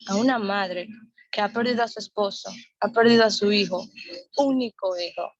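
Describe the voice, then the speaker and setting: A woman's voice: mid-range voice, normal speed, no echo, dull audio. Earnest woman teaching Bible study. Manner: earnest, repeats phrases for emphasis.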